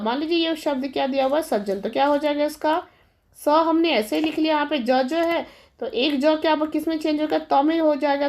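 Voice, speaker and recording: A woman with a high voice teaches a classroom-style grammar lesson. She works through each example step by step, posing questions and answering them herself, and she calls her students children.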